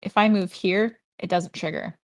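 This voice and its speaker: A woman's voice: on the low side, steady tone, moderate pace, crowd noise. A woman at a tabletop game, explaining rules casually with fillers like "so, like". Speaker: player.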